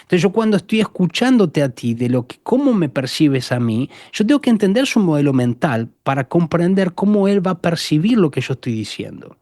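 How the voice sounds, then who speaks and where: A man from Argentina with an Argentine accent, a guest telling animated stories in a conversational interview. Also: fairly high pitch, brisk, hardly any pauses, dry recording, clean studio sound. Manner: animated storyteller, acts out quotes.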